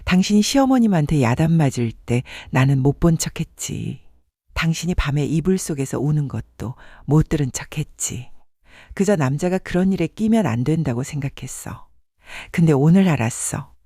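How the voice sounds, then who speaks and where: A man voicing a remorseful elderly husband around seventy, with plain, halting speech. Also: fairly high pitch, animated, mellow, husky, no echo, clean studio sound.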